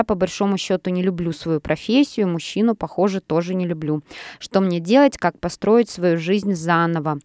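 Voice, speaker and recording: A woman's voice: on the low side, a little mellow, smooth, dry recording, studio quality. A woman in her forties hosting a radio program and presenting a listener's letter. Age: 40s. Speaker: radio host. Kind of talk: radio interview.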